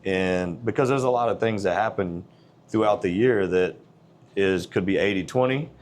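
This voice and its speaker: A man's voice: lowish voice, normal speed. A man in his forties, a gym owner, talking in a blunt, earnest, plain-spoken way in a casual interview. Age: 40s.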